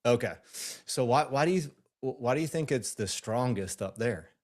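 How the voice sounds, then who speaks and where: A man's voice: medium pitch, animated, moderate pace. A man from Scotland co-hosting a podcast, asking questions in a casual, self-deprecating way. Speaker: podcast co-host. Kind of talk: casual chat.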